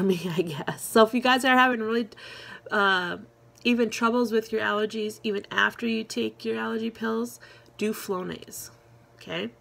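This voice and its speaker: A woman's voice: mid-range voice, gravelly, a bit bright. A woman talking casually to her viewers in a vlog, rambling with many fillers and restarts, friendly and encouraging. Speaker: vlogger. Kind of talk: casual chat to camera.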